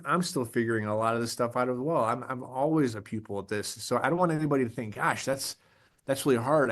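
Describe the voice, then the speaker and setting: A man of middle pitch gives a leadership webinar in a loose, energetic way. He talks conversationally and often starts his sentences over. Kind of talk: casual motivational talk.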